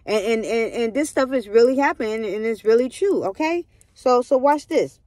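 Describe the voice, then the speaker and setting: A woman's voice: a little high, expressive, normal speed, a little mellow, dry recording. Emphatic woman preaching over a Bible story. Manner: emphatic, preachy asides, keeps calling out to listeners. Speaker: vlogger retelling a Bible story. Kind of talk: casual Bible story reading with commentary.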